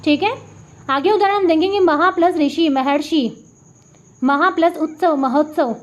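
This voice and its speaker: A female tutor speaking with a Rajasthani Hindi accent and a very high-pitched voice walks through grammar examples sound by sound, pointing to each on the board. She is patient and methodical, repeating sounds slowly during this classroom lesson. The audio is dull and lo-fi.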